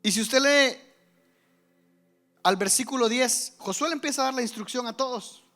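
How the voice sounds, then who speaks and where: A male pastor preaching a sermon, swinging from loud exhortation to hushed whispers and acting out the voices of the doubting crowd. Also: very high voice, normal speed. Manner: acts out the doubting crowd's voices in his telling.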